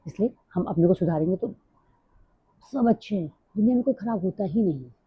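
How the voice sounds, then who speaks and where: A middle-aged woman talking fast and rambling in a casual personal vlog. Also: mid-range voice, expressive, breathy edge, no echo. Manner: rambling, drifts off topic. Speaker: vlogger. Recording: dry, tinny phone-like sound.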